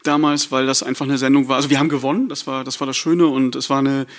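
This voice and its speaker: Guy with average pitch reminiscing casually, kinda halting, fan radio guest. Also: little pitch movement.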